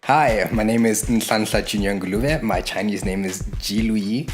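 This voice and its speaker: A man's voice: on the low side, normal speed, soft background music. A young man from Zimbabwe, a podcast guest telling his story in a candid, frank way. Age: young adult. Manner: candid, frank, with fillers and asides. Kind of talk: relaxed conversational storytelling.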